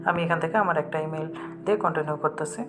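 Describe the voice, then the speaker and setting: Music is clearly audible as a man with a Bangladeshi accent, who hosts tech tutorials, explains an app one step at a time. His voice sits on the high side, and his fast narration stays flat and instructive.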